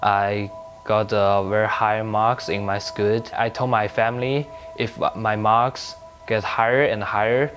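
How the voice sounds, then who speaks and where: Brief: young male student, lowish voice, halting, faint music behind. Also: little pitch movement, fairly bright tone. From China. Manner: hesitant, many pauses and fillers.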